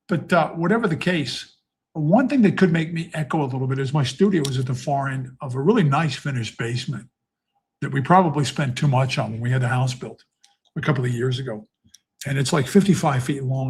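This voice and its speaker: In his basement home studio, a middle-aged man rambles casually on a live stream, thinking aloud with lots of fillers while handicapping horse races. His medium-pitched voice has a darkish, slightly rough tone, and the room sounds echoey.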